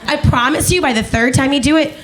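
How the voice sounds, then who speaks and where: High-voiced animated woman comedian. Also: fairly quick, slight background noise. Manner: animated, acts out voices of others. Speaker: stand-up comedian. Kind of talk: stand-up comedy set. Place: comedy club stage.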